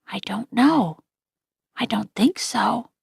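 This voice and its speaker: A woman voicing a tired, loving mother who soothes her son in a hushed half-whisper. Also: on the high side, slow, vocal fry, slightly rough, no echo, studio quality, full character voice. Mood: tired, tender.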